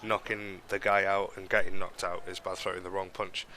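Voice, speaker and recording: With a crowd audible behind him, a young man casually commentates on his boxing game, a cold leaving his low voice nasal and blocked. He speaks a little fast in a flat, even manner, explaining his tactics while wandering through lots of ums and restarts.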